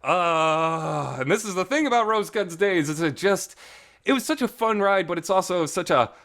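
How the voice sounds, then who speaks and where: This visual novel talk show host has a voice that sits high, sounding animated and fairly bright at a normal speed. He's casually giving an enthusiastic, emphatic, informal fan review. The recording is reverberant.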